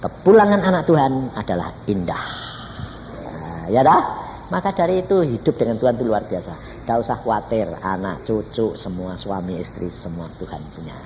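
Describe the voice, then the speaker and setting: A man's voice: on the low side, sing-song, moderate pace, darkish tone, a little hiss or hum. An older man with a Javanese accent preaching a sermon, telling a family story and acting out the voices of the people in it. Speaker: evangelist preacher. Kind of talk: sermon with acted-out dialogue. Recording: distant, echoey church hall with faint ambience.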